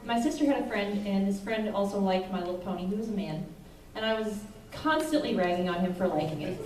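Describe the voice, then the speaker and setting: Laughing woman from Wisconsin, distant echo. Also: on the high side. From Wisconsin, USA. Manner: laughing, self-deprecating. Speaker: fan meetup member sharing her story. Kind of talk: casual spoken testimony to a group. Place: indoor meeting room with a group. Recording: echoey room, distant mic, noisy crowd.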